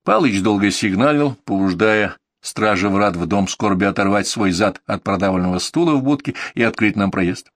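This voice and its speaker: A man's voice: fairly low pitch, expressive, normal speed, hardly any pauses, dry recording. Guy reading an audiobook, ironic, dry close sound. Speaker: narrator. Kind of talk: audiobook narration.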